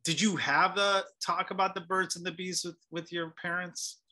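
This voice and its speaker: Host: man, 40s, bright forceful tone, a bit high, rambling conversational style. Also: flat delivery, normal speed. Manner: rambling, loose and chatty. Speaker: podcast host. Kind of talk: casual podcast interview.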